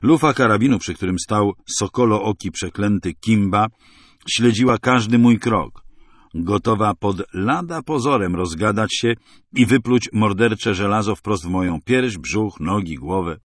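Male audiobook narrator, low register, dry booth sound, wry hard-boiled thriller read. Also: a little slow, dry recording. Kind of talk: first-person thriller narration.

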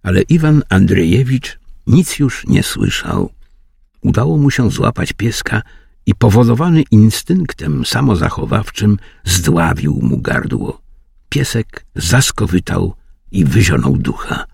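A man reading an audiobook slowly and expressively, close to the microphone in a dry studio recording. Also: on the low side, big pitch swings, gravelly, a little mellow, breathy edge, no echo. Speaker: audiobook reader. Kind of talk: audiobook narration.

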